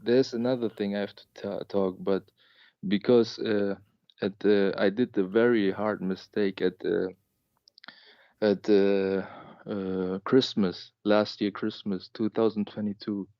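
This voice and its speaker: A man in his late twenties from Germany, calling into a live show and telling a personal story in a halting way. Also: lowish voice, flat delivery, no room sound, highs cut off. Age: late 20s. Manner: halting, with many fillers and restarts. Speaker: caller.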